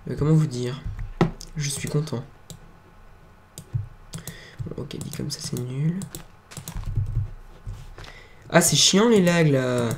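A man's voice: a little high, slow pace, long pauses. A man giving casual gameplay commentary and teasing the characters he meets in the game. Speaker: let's play gamer. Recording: constant clear noise with keyboard clicks. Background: keyboard typing and clicks.

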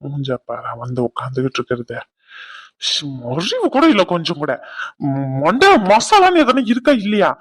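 A man voicing a hot-tempered, blunt husband in a cartoon drama, who scolds loudly and throws insults. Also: a little high, huge pitch swings, moderate pace. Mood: scornful.

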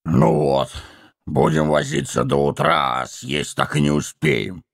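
A man's voice: medium pitch, very animated, measured pace, vocal fry, no room sound, studio quality, voice pushed up, heavily acted. A man doing a sly unseen wizard mimicking trolls. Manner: mocking, stirring up quarrels.

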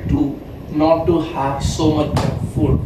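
A man's voice: a little high, little pitch movement, takes it slowly. Young man from India in an echoey room. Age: 20s. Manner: reads out questions plainly. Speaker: vlogger. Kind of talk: casual Q&A chat. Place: bedroom, indoors. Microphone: far camera. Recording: very echoey room, far mic, loud hiss.

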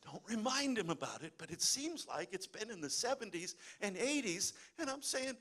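Middle-aged pastor, man, sermon delivery, highish and very animated. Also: normal speed. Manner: lively preaching, calls for amen and hallelujah. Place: church sanctuary.

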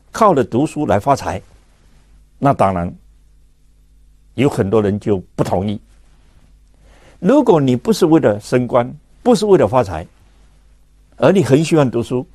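A man giving a measured lecture, making his points through rhetorical questions. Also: mid-range voice, dark tone, no room sound, studio quality. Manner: deliberate, asks rhetorical questions.

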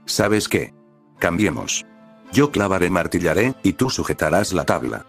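A man's voice: deep voice, big pitch swings, unhurried, faint music behind, exaggerated voice. A man voicing an impatient teenage girl ninja who snaps and scolds, in a story reading. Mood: bossy.

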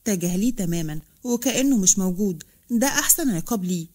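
A woman voicing a protective young woman who reassures her sister in a hushed way, with an Egyptian Arabic accent. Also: mid-range voice, expressive, fast talker, pitched below the performer's own voice, close to an everyday voice. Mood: reassuring.

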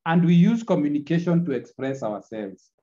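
A man gives an online lecture, captured in a screen recording of the video call. His voice is dark and mellow, and the audio is muffled and lo-fi. He repeats key lines and keeps checking in with the class. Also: a little high, big pitch swings, moderate pace. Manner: repetitive, checks in with tag "eh?".

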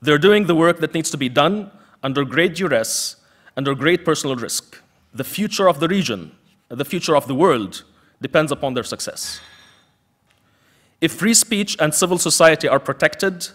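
A man's voice: a little high, fairly bright tone. Man giving an emphatic lecture. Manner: emphatic, rhetorical repetition. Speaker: panel speaker, activist. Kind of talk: prepared lecture speech.

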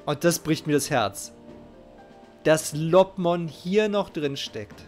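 Streaming from home indoors, a middle-aged man talks casually over a game he's playing live, his slow voice on the high side with a darkish tone. He's emphatic and emotionally invested and keeps repeating phrases, recorded on a close headset microphone with game music in the background.

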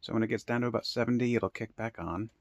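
Talking fast in a voice on the low side, a man shows off his indoor basement grow room as a home gardener. The tour is casual and unscripted, and he rambles and thinks aloud. There's no room sound.

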